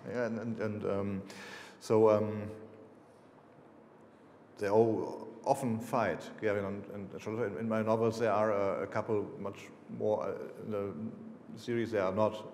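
On stage in a lecture hall, a German-accented author in his fifties, a native German speaker, hesitantly answers audience questions about his books, with many fillers and restarts. His voice sits on the low side, a little mellow and a little slow, with a flat delivery. The recording carries a roomy echo and slight background noise.

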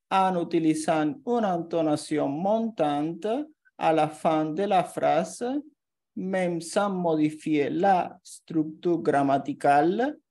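A woman's voice: fairly low pitch, warm tone. A woman giving a scripted grammar lesson as a language teacher, carefully reading out example sentences one by one.

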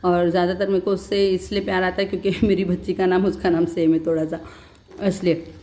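A woman's voice: lowish voice, little pitch movement, brisk, dark tone. Chatty woman telling a story while chewing. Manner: chatty storytelling, calls viewers "beta". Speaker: vlogger. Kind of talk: casual chat to viewers.

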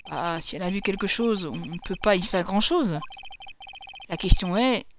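A woman's voice: mid-range voice, moderate pace, a little hiss or hum, pitched below the performer's own voice, close to an everyday voice. Woman voicing an earnest young lawyer. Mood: thoughtful. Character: young male defense lawyer, earnest and calm. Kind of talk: reading game dialogue aloud.

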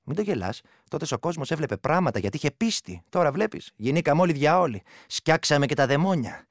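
An actor playing a rural Greek soldier who tells a superstitious tale in old village dialect, in a radio play. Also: male voice, fairly high pitch, big pitch swings, no echo, clean studio sound. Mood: earnest. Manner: storytelling, rustic dialect, shifting loud and hushed. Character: village man, soldier telling a folk tale.

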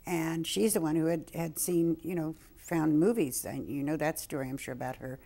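Gravelly woman telling family stories. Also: low-pitched, steady tone, normal speed, mellow. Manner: anecdotal storytelling. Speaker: interviewee. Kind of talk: documentary interview.

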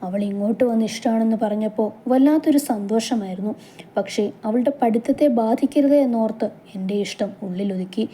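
A woman storyteller narrating a romantic story in a soft, emotional way. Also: a little high, fairly quick.

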